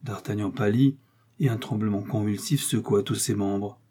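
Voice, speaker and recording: Male audiobook reader; steady, husky, low and mellow. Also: normal speed. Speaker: audiobook narrator. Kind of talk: audiobook reading.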